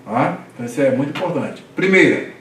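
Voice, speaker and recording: A man's voice: medium pitch, expressive, slow, slight background noise. A man teaching a reading class, patiently spelling out syllables and asking students to repeat after him. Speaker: Hebrew teacher. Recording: roomy echo, distant mic, faint ambience.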